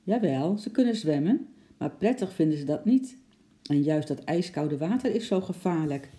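Woman doing a calm zoo vet father. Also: deep voice, normal speed. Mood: explaining. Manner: calm, instructive.

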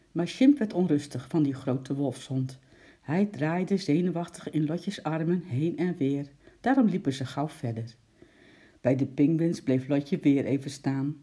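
Storybook reader with a very dark, mellow tone, steady and expressive. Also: mid-range voice. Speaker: narrator. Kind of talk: reading a children's storybook aloud.

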